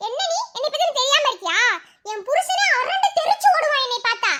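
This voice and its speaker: A woman's voice: very high voice, sing-song, fast talker, sharp tone, a little hiss or hum, full character voice. A woman voicing a feisty, scolding young kidnapped wife in a combative, melodramatic comic story. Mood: threatening.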